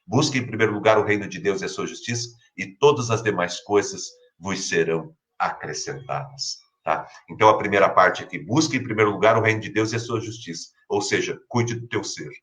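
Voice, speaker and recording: A man preaching a sermon with a Brazilian Portuguese accent, repeating key phrases and rising in pitch for scripture. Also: brisk, hardly any pauses, fairly bright tone. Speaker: pastor.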